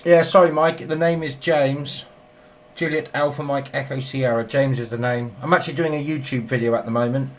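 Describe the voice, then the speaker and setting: An English man speaks a little fast in a steady, mid-range voice, chatting informally as an amateur radio operator for a casual vlog. The footage comes from a handheld camera in his small indoor home radio shack, with faint noise.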